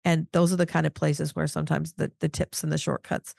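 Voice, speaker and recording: A woman's voice: sits low, little pitch movement, brisk, creaky, a little mellow, dry recording, clean studio sound. A middle-aged woman interviewing on a podcast, talking thoughtfully with frequent restarts and "you know"s. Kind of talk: casual podcast chat.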